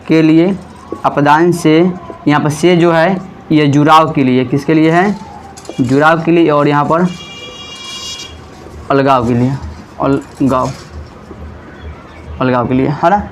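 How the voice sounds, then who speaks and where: A man with a fairly high voice teaches a grammar class and keeps asking questions, then answers them himself. He drags some words out slowly while he writes on a board, and faint music plays under him. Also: rough recording.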